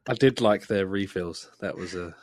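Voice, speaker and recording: Low-voiced English man swearing casually. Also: moderate pace, a little mellow. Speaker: podcast co-host. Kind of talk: casual chat.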